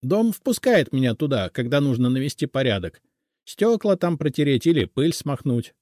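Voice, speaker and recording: A man's voice: mid-range voice, very animated, normal speed, a little mellow, no room sound, studio quality, pitched above the performer's own voice, lightly acted. A man voicing a small, humble male house spirit who talks in a mumbling, deferential way in an audiobook. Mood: eager.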